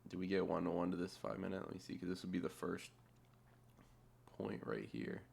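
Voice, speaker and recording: Very gravelly, low-voiced man thinking aloud. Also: animated, fairly quick, a little mellow, a little hiss or hum. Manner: offhand, muttering, swears casually. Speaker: trader narrating a chart replay. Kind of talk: casual screen-share commentary, thinking aloud.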